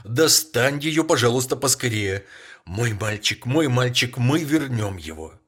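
A man with a husky voice voicing a frantic, grieving old woman who pleads in high, shrill bursts, in a storybook reading. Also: sing-song, normal speed, pushed and bright, heavily acted. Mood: desperate pleading. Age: older.

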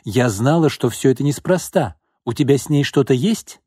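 A man voicing a jealous, hysterical young woman in an audiobook, shrill and accusing. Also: expressive, moderate pace, mellow, slightly rough, dry recording, studio quality, exaggerated voice. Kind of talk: audiobook character voice.

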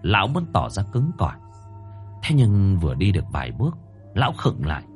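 Guy reading a spooky tale, low voice, lots of swing in it. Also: fairly quick, soft background music. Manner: expressive, dramatic. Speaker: storyteller. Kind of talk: dramatic horror story narration.

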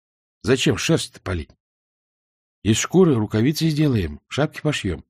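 A man's voice: mid-range voice, very animated, normal speed, darkish tone, breathy edge, no echo, clean studio sound, full character voice. A man playing a simple, good-natured young village soldier with plain, folksy speech.

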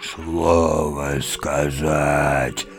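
Storybook bear demon, drawn-out bellowing roar, low and slow, male reader putting it on. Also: flat delivery, background noise, heavily acted. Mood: menacing. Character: roaring bear spirit.

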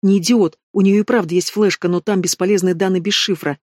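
A man's voice: sits high, fairly even intonation, fast, darkish tone, no room sound, studio quality, close to an everyday voice. A man voicing a frightened, defiant young woman. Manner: shaken, snapping back. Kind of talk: audiobook reading.

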